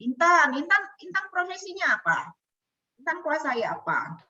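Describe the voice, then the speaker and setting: A woman with an Indonesian accent coaching a group online, asking them questions in a lively teacherly way. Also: sits high, moderate pace. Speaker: communication coach. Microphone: video call. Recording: dull lo-fi video call audio.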